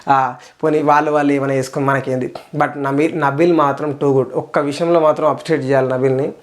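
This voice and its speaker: A young man with a Telangana Telugu accent delivers a casual episode review in a rapid, fired-up stream. His voice sits a little high for a man, and he hammers his points by repeating words over and over. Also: flat delivery. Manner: fired-up and indignant, repeats phrases for emphasis. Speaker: reality show reviewer.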